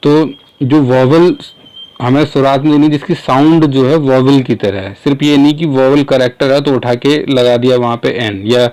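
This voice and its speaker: Guy teaching english grammar, smooth voice, keeps asking "ok?" and spelling sounds out slowly. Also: medium pitch, darkish tone, poor audio. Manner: conversational, asks rhetorical questions, repeats sounds slowly. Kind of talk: casual explanatory lesson.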